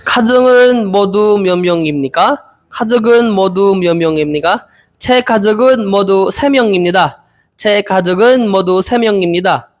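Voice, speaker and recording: A young man in his twenties from the Philippines, practicing Korean interview answers aloud, hesitant and repeating each phrase slowly. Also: high-pitched. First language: Filipino. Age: 20s. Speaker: Korean language learner.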